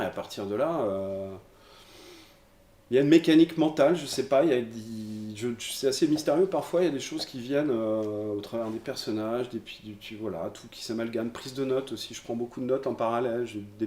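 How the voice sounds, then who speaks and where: A man's voice: medium pitch, warm tone. A man, a comic book writer, answering interview questions thoughtfully and searching for his words. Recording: roomy echo, faint noise.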